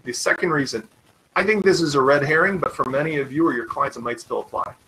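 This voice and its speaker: Bright-voiced fast-talking man hosting a webinar. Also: a little high, a little hiss or hum, rough recording. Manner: fast, enthusiastic, informal sales talk. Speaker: webinar host. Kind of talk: live web tutorial with screen demo.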